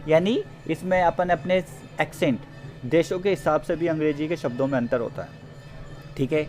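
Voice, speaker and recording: A man teaching a grammar lesson in Hindi, who reads example sentences slowly, then explains them and answers his own questions. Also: fairly high pitch, a little mellow, soft background music.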